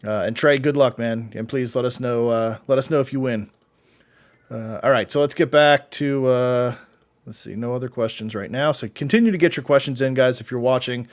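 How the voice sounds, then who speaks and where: A man's voice: mid-range voice, moderate pace. A man co-hosting a fantasy football show, chatting casually and answering viewer questions, with many fillers and restarts.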